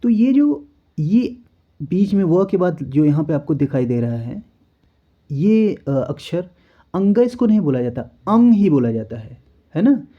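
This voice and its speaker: Man, teacher, slightly high voice, patient step-by-step explanations, lo-fi muffled recording. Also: big pitch swings, measured pace. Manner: explains step by step, often checks in with the learner. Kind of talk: exam-prep spelling lesson. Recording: dull lo-fi recording.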